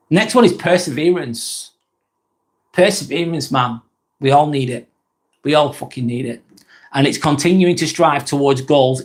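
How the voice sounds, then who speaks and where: A Lancashire man from northwest England chats through a casual live vlog, rambling and blunt, casually swearing and frequently beginning sentences again. His voice is on the high side.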